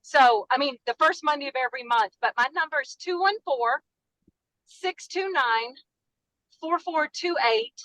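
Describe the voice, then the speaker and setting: A woman's voice: high-pitched, a little slow, a bit bright, dry recording, rough recording. A woman with a Dallas Texas accent, calling in by phone while driving, chatting effusively and apologizing for interrupting. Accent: Texan (Dallas). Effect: calling in by phone while driving a car. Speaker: caller, notary. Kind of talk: casual chat on a video call. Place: in a car.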